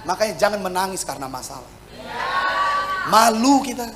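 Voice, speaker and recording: A male pastor preaching a sermon, swinging from shouts to soft tender words and speaking in tongues. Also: sits high, animated, normal speed. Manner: speaks in tongues, sings at times. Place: church hall with congregation. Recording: live church PA with music and crowd.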